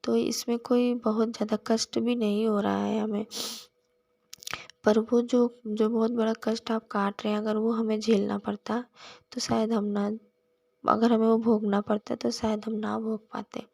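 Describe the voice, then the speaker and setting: A woman's voice: fairly high pitch, level tone, unhurried, gravelly, mellow. A middle-aged woman earnestly giving a grateful devotional testimony, often restarting her sentences.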